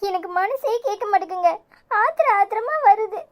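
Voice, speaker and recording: A woman's voice: extremely high pitch, big pitch swings, brisk, a bit bright, exaggerated voice. A woman voicing an upset young wife and new mother in a cartoon, complaining with a Tirunelveli Tamil accent. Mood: hurt. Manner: complaining, hurt, grumbling.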